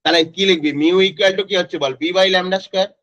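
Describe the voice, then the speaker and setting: A man's voice: high-pitched, steady tone, moderate pace, a bit bright, dry recording. A male physics tutor, teaching an online class in a casual way and quizzing students by name. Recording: dry, slightly dull lo-fi audio.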